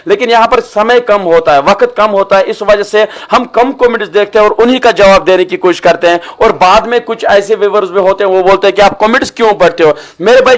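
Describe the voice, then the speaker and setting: A man doing live cricket commentary, grateful and unhurried, reading out viewer comments. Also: high voice.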